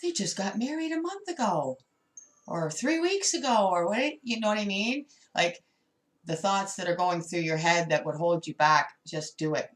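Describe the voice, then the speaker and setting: Speaking to the viewer head-on, the tarot reader uses forceful emphasis and repeats her words throughout the reading. Her mid-range voice is expressive and moves at a moderate pace.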